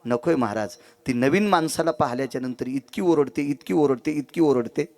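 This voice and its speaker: A man's voice: normal speed, dark tone, lightly acted. A man playing a weary humble farmer. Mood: pleading. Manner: low, subdued, earnest pleading. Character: humble weary male farmer, tearful, pleading.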